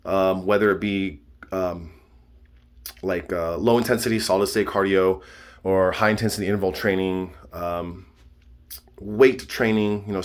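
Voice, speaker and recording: Casual male fitness vlogger, 30s, lowish voice, rambling, repetitive check-ins. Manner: repeats himself, checks in with "okay?" and "all right?".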